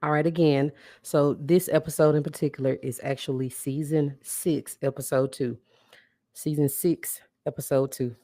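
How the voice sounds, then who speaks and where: A woman's voice: low-pitched, steady tone, moderate pace, mellow, dry recording, clean studio sound. A woman hosting a live podcast, talking bluntly and casually straight to her listeners and calling them sis and baby. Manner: greets viewers and asks them to interact. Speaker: podcast host. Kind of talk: live-streamed podcast monologue.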